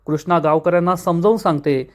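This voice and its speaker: A man with a slightly high voice narrates the plot of a serial episode in a dramatic recap. He reads out the characters' lines with urgency and pushes through the emotional scenes. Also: quick pace.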